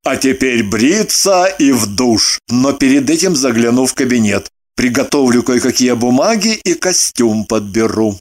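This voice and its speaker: A reader voicing a pompous, self-satisfied middle-aged husband who talks in booming, drawn-out exclamations in a lowered, changed voice. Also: expressive, darkish tone, lightly acted. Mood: smug.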